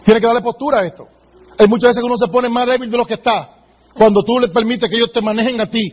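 A man's voice: extremely high pitch, steady tone, fast. A man giving a motivational sales training talk, direct and emphatic, speaking straight to the listener and acting out sales conversations. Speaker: business seminar speaker.

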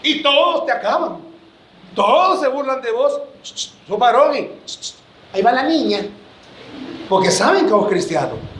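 A man's voice: extremely high pitch, sing-song, a little slow, pauses often, a bit bright, reverberant, a little hiss or hum. A man preaching a sermon to his church, joking and calling his listeners brother.

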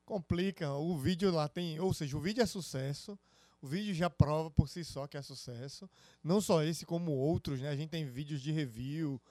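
A man's voice: on the high side, normal speed, darkish tone, dry recording. A man co-hosting a podcast, chiming in with short agreeing replies. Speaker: podcast co-host. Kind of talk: casual podcast chat.

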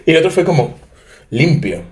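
Young man with a Madrid accent, animated. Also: fairly high pitch, a little fast. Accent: Madrid Spanish. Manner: animated storyteller, acts out his own reactions. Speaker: podcast co-host. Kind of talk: casual chat.

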